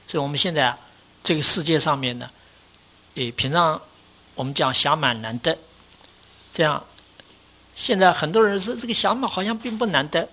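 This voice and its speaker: Buddhist teacher lecturing a class; builds chains of rhetorical questions, voice climbs for stress, sinks quiet to close a point. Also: normal speed, long pauses. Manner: rhetorical questions in rising series; often lifts pitch and volume for emphasis, drops low at conclusions.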